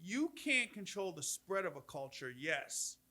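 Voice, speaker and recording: Middle-aged male podcast host with a high, ringing voice who tells stories with emphasis. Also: big pitch swings, a little slow, pushed and bright. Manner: storytelling, emphatic, with laughs. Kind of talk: casual podcast debate.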